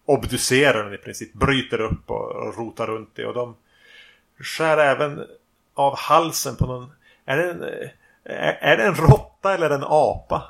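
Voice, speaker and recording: A man with a gravelly, fry-laden voice talks over a film on a casual podcast. He is measured and thoughtful, pausing on fillers as he reasons aloud. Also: mid-range voice. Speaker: podcast co-host.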